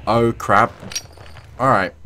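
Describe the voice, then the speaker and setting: A man's voice: medium pitch, steady tone, takes it slowly, bright, forceful tone, slight background noise. Chatty man commentating a game. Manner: chatty, jokey, taunts opponents in a sing-song voice. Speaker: gaming channel host. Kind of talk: casual gameplay commentary.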